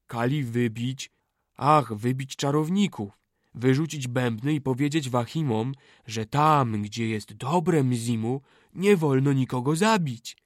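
A man's voice: mid-range voice, slow, no room sound, clean studio sound, lightly acted. A man voicing a humble young male king in an audiobook, speaking in broken, submissive phrases. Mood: earnest. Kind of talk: audiobook character voice.

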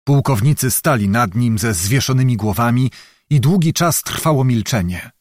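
A man narrating an audiobook in a measured, dramatic reading. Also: mid-range voice, lively intonation, darkish tone, no room sound, clean studio sound.

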